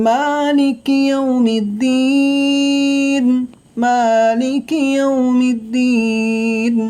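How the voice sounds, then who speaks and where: Patient woman teaching recitation, mellow. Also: medium pitch. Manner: patient, repeats and drills each syllable; slow melodic chanted recitation. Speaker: Quran teacher. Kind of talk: spelled-out recitation lesson.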